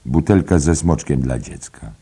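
A man's voice: a bass voice, normal speed, slightly rough, full character voice. A man voicing a boisterous, scornful male drinking companion in an audiobook. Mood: mocking. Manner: loud, mocking. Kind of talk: audiobook character voice.

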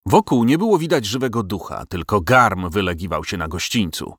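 For this audiobook, a low-voiced man reads a storybook tale with expressive, wide-ranging pitch at a normal pace. His voice is slightly rough, and the close, dry recording has no room sound.

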